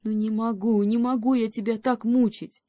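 A woman's voice: fairly high pitch, fairly even intonation, normal speed, dark tone, dry recording, voice pushed up, natural voice. A woman voicing a young male beaver, a loyal friend who speaks in a pleading, heartfelt way, in a storybook reading. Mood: tender, pleading.

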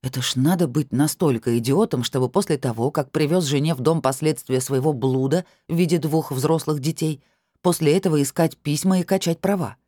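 Female audiobook reader, first-person narration, ironic edge, warm mellow voice, dry studio sound. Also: deep voice, brisk, dry recording. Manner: wry, ironic storytelling.

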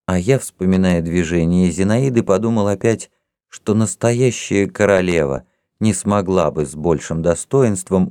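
A man narrating an audiobook with expressive storytelling. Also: deep voice, no room sound, clean studio sound. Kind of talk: audiobook reading.

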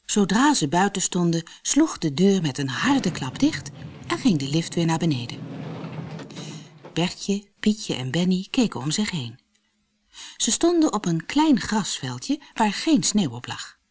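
A woman reading a children's story aloud as an expressive storyteller, sometimes dropping to a hush. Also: lowish voice, unhurried, a little hiss or hum. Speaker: audiobook narrator.

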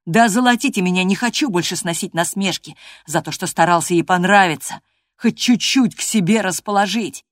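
A woman reading an audiobook voices a sullen, rough young man who speaks bluntly and slowly. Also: fairly low pitch, no echo, clean studio sound, close to an everyday voice. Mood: resentful.

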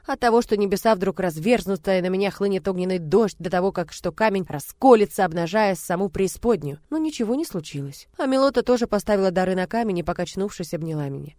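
A woman narrating a first-person fantasy novel aloud with an expressive, dramatic reading. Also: medium pitch, dry recording, studio quality. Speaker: audiobook narrator.

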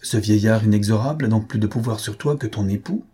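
A man's voice: lowish voice, fairly quick, dark tone, husky. A man voicing a feverish, possessive young lover. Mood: reproachful.

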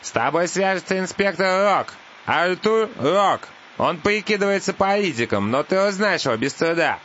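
A man's voice: high voice, lively intonation, moderate pace, fairly bright tone, slight background noise, pitched above the performer's own voice. A man voicing a scheming male lawyer who talks in a sly, coaxing way. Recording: dull lo-fi audiobook.

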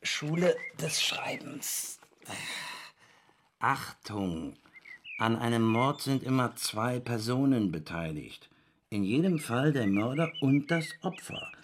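An actor in a radio play as a self-absorbed, grumpy male crime writer, theatrical and halting as he mutters corrections. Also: mid-range voice, very animated, a little hiss or hum. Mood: absorbed, irritable.

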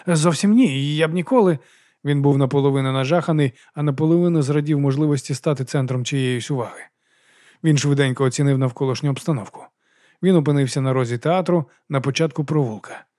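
A man narrates an audiobook in an even, storytelling way. His voice is a little higher than most men's, and the recording is dry and close, with no room sound. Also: no room sound. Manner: steady storytelling delivery. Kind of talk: scripted narration.

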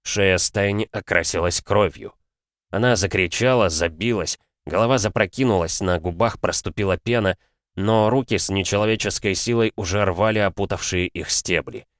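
Man, audiobook narrator, low voice, measured reading, dry recording. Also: dry recording. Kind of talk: scripted fantasy narration.

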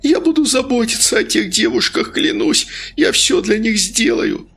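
A man voicing a terrified spoiled young rich man, begging for his life in a high, trembling wail, in an audiobook. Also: expressive, normal speed, gravelly, a bit bright, breathy edge, full character voice. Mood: begging, desperate. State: trembling with fear.

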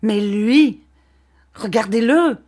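A woman's voice: on the high side, slow, a little mellow, pitched above the performer's own voice. A woman voicing a broken, despairing older man who pours out his remorse in a storybook reading. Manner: anguished, pleading.

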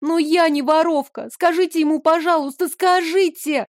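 A woman voicing a desperate young woman who pleads in a high, insistent voice. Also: normal speed, a little mellow, no echo, studio quality, close to an everyday voice. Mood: pleading.

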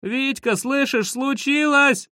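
A man voicing a frightened schoolboy in an audiobook, crying out in high, panicky pleas. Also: very slow, a little mellow, no echo, clean studio sound, full character voice. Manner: high, panicky pleading cries. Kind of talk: audiobook reading.

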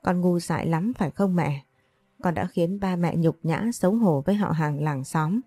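A woman narrating as a heartbroken young woman from a storybook, asking anguished questions in a warm, low voice. The sound is dry and close. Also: normal speed, slightly rough, no room sound. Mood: distraught.

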